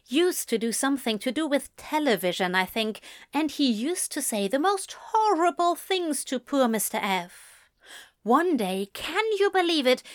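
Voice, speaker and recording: Gossipy motherly cook, bright and lively, voiced by a woman. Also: high-pitched, no echo, clean studio sound, voice pushed up.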